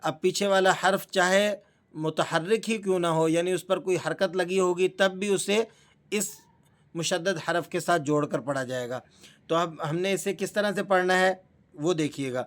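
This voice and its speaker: A man teaching Quran recitation step by step in Pakistani-accented Urdu, explaining patiently and drawing out the recited examples. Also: sits high.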